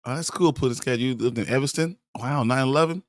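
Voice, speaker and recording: A man's voice: medium pitch, fast talker, no echo, studio quality. A young man co-hosting a live pop-culture show, easygoing and enthusiastic. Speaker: co-host of live nerd news show. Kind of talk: casual chat.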